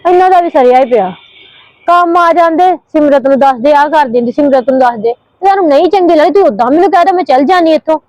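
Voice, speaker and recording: A woman playing a quick, sharp-tongued sister-in-law. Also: high voice, dry recording, close to an everyday voice, low-quality recording. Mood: indignant. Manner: rapid, retorting, indignant. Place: home, indoors.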